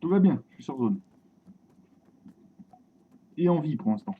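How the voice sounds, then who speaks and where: A man giving excitable live commentary while streaming a game, swearing often and chatting to his viewers. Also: fairly high pitch, unhurried, husky. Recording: dull lo-fi stream audio with faint noise.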